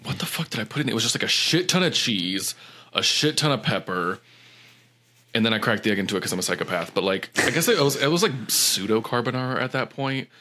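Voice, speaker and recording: A man's voice: mid-range voice, sing-song, fast, pushed and bright. A man co-hosting a casual comedic chat show with a campy, sassy, drag-queen-like delivery full of playful slang. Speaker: podcast co-host.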